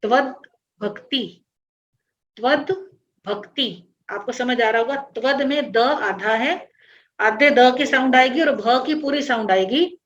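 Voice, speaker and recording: A woman's voice: high voice, unhurried. Patient woman teacher explaining verses. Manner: patient line-by-line explanation with repetition. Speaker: religious teacher explaining a hymn. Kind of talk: online class explanation. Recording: dull lo-fi online class audio with faint noise.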